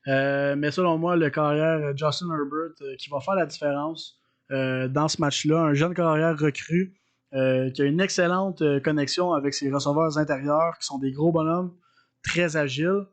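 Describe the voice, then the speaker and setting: A man's voice: fairly high pitch, steady tone, moderate pace. A man with a Quebec French accent, co-hosting a sports podcast in casual chat, hesitant with many fillers as he analyzes games.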